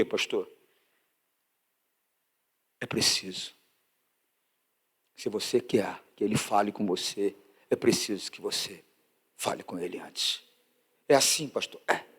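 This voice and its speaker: A pastor from Brazil preaching a sermon and sharing his testimony, emphatic and swinging from loud to hushed. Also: on the low side, husky.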